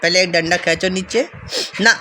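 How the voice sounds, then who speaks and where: A father and family vlogger films a casual home vlog indoors, teaching his small child letters with short, repeated instructions. His voice sits high and moves at a moderate pace, with a noisy background.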